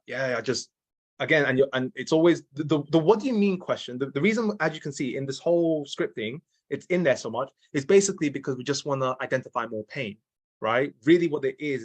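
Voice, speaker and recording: A man's voice: medium pitch, slightly rough. A man teaching sales calls in a casual, repetitive way, restarting his sentences and checking in with "okay?" and "right?" as he goes. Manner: drops in mild swearing. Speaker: sales trainer. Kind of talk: casual training talk.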